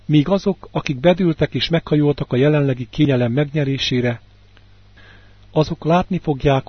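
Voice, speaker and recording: A man's voice: mid-range voice, slightly rough, no room sound. A man reading a sermon in an earnest manner, lifting his voice on key words, heard on a dull radio broadcast. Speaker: preacher.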